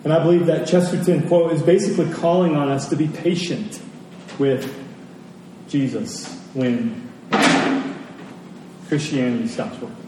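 A man delivers a conversational sermon a little slowly, with fairly even intonation and long pauses, repeating key phrases for emphasis. His voice is on the high side. He's in a large reverberant room, picked up by a distant mic with strong echo and faint noise.

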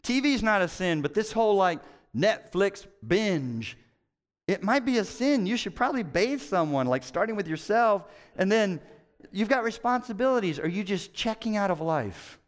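Brief: middle-aged man, pastor, conversational sermon, animated storyteller, slightly high voice with a wide swinging pitch. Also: normal speed. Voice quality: hard of hearing. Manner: animated storytelling, acts out quotes with big pitch jumps.

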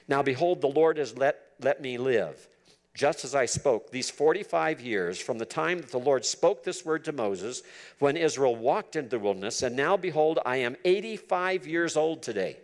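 Speaking at a moderate pace with lively intonation and a medium pitch, a man in his seventies preaches earnestly. He reads scripture aloud and alternates it with his own commentary.

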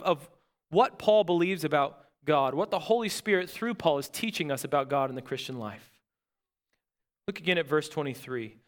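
A pastor with a high-pitched, fairly bright voice preaches earnestly and emphatically, using dramatic pauses. He asks the congregation questions and then answers them himself.

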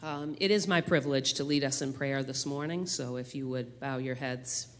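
A man's voice: mid-range voice, normal speed, fairly bright tone, slight background noise. A man speaking as a church elder, addressing the congregation with announcements and public prayer. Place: church sanctuary. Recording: long hall reverb.

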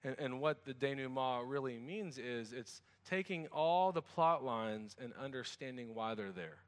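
A man's voice: mid-range voice, animated, measured pace, in a large hall. A man preaching as a pastor. He reads scripture, prays, then talks to the congregation in a conversational way with restarts and asides. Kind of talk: sermon with scripture reading and prayer.

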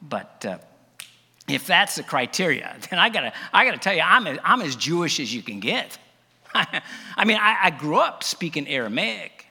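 A man's voice: a little high, sing-song, sharp tone, slightly rough, big-room sound, full character voice. A man playing a stammering, sarcastic Apostle Paul. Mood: ironic. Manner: halting, stammering, heavy with irony. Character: Apostle Paul, male, reluctantly boasting, sarcastic. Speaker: actor in a first-person biblical monologue. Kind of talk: dramatic monologue to a congregation.

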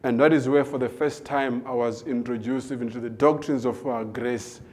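Man, guest preacher, mid-pitch voice, halting testimony delivery with frequent pauses. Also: fairly even intonation, a little mellow. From South Africa. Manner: hesitant, many filler pauses. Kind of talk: personal testimony before a sermon.

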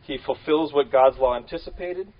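A man's voice: mid-range voice, normal speed, dull audio. A man preaching a conversational sermon, casual and full of fillers, repeating key phrases.

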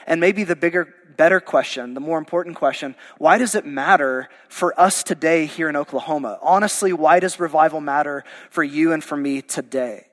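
A male pastor with a fairly high voice preaches a verse-by-verse sermon in a church sanctuary that sounds like a large hall. He's losing his voice, and his manner is conversational and informal.

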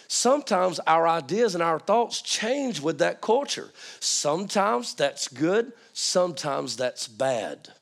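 A man's voice: a little high, gravelly. A man preaching an informal teaching sermon, checking in with listeners through questions, his voice strained as it recovers from being lost.

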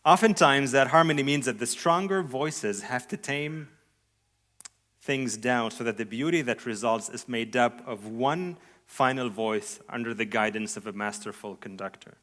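An adult male pastor preaches at a mid-range pitch, earnest and measured. He lifts his voice in sweeping rises on key phrases and lets his sentences trail off softly at the end.

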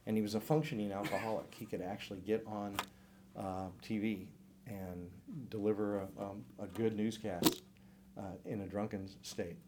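A man's voice: fairly low pitch, little pitch movement, normal speed, heavy background noise. A man in his sixties from the St. Louis area, telling his personal faith testimony to a church class in an earnest, reflective way. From St. Louis area, United States. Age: 60s.

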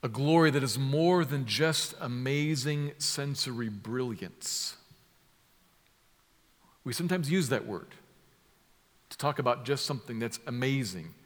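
A man preaching a sermon, drawing listeners into vivid scenes, moving from hushed asides to loud emphatic lines. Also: mid-range voice, a little slow, pauses often, long reverb tail. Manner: emphatic, builds from soft to loud with vivid imagery.

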